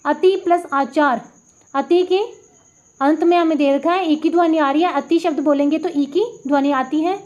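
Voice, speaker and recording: A woman's voice: sits high, steady tone, a little mellow. A woman tutor with a Rajasthani Hindi accent, explaining grammar examples one sound at a time and pointing out each one as she goes. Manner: patient, step-by-step, repeats sounds slowly and points at the board. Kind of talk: classroom lesson explaining examples. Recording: dull lo-fi audio.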